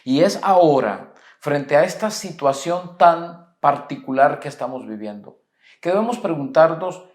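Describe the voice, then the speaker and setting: Un pastor colombiano predica un sermón con acento colombiano, con calma, haciendo preguntas retóricas y leyendo las Escrituras en voz alta. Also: male voice, a little high. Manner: measured preaching with rhetorical questions, reads scripture aloud. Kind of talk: sermon. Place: church. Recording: echoey church hall.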